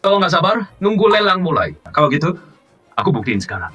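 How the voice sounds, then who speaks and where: A man dubbing a calm young man who hides his power and answers insults coldly, in a drama. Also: a little high, quick pace, soft background music, heavily acted. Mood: cutting. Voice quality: cool, cutting. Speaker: company general manager. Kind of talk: dubbed drama dialogue.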